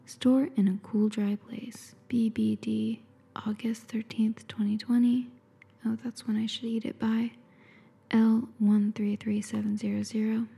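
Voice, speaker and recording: A woman in an intimate ASMR whisper, close as if right in the listener's ear, calmly describing and reading aloud without hurry. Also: a little high, a little slow, creaky, husky. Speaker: ASMR host.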